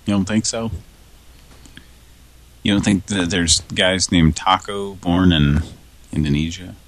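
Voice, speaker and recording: Deep-voiced rambling man, slow talker. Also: steady tone. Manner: rambling, hesitant, bursts into goofy high yelps. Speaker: podcast co-host. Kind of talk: casual chat.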